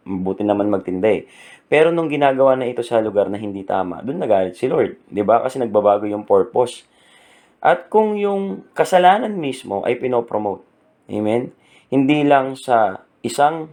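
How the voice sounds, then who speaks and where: A man's voice: mid-range voice, darkish tone. Male preacher, mid-range voice, earnest sermon delivery. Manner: earnest, asks the room "Amen?" often. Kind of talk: Taglish sermon talk.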